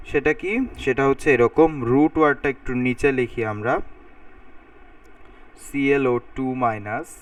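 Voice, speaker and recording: A man teaches a chemistry lesson, writing as he talks and saying word endings over so they stick. His voice sits in the middle of the usual range. He is a little way off from the mic. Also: mid-range voice. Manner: talks while writing on a board, thinking aloud, repeating sounds to drill pronunciation. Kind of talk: recorded lecture explaining formulas. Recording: voice a bit far from the mic.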